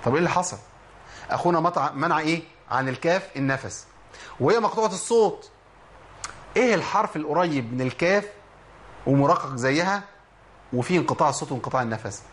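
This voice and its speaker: A man with an Egyptian accent teaching Quran recitation in a lively lesson, quizzing listeners and slowly sounding out letters. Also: fairly high pitch, slight background noise. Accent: Egyptian Arabic. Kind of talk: spoken tajweed lesson.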